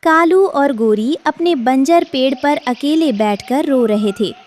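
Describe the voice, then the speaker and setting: A woman narrating a scripted moral story for children in a gentle, instructive way. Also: sits high, animated, unhurried, slight background noise. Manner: gentle, didactic.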